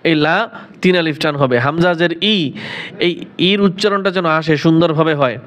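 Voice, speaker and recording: A man's voice: on the high side, fairly bright tone. A man with a Bangladeshi Bengali accent teaching recitation step by step, drawing out chanted words between brief explanations. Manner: drawn-out chanted recitation alternating with brisk explanation. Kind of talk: slow step-by-step pronunciation lesson. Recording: dull lo-fi sound.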